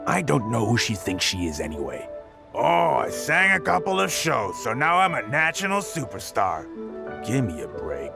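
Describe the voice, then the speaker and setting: An actor playing a sleazy, bullying tabloid editor who mocks and threatens a young reporter, in game audio with music behind. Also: male voice, mid-range voice, wildly swooping pitch, normal speed, creaky. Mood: sneering. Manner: sneering, bullying, mocking. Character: sleazy scheming male tabloid editor, middle-aged. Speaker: game character. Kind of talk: video game voice acting.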